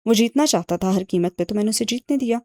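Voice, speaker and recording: A woman's voice: mid-range voice, lively intonation, warm tone, no echo, natural voice. A woman reading an audiobook and voicing a sardonic young man who explains his schemes with dry sarcasm. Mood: wry. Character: sharp, sardonic young man, ex-agent uncle.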